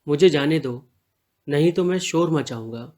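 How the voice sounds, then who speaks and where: A man's voice: on the high side, a little slow, darkish tone, natural voice. A man reading the part of a lovestruck young male college student in an audio story, earnest and pleading. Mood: playful pleading.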